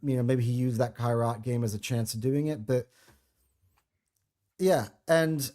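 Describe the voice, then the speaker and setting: A man's voice: mid-range voice, fairly even intonation, measured pace, dark tone. A man hosting a football podcast, talking with passion and rambling through restarts. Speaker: podcast host. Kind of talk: casual football podcast chat.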